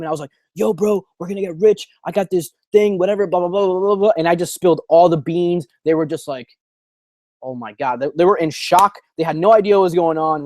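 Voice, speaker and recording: Fast-talking young man coaching on a call. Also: a little high, no echo. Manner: energetic, slangy, says "bro" often. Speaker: call host and trainer.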